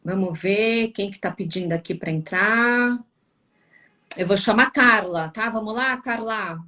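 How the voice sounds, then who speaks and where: Answering her live stream viewers, a tired woman from Brazil talks in a sharp, medium-pitched voice, a little slowly. Her casual, chatty replies are full of tag questions.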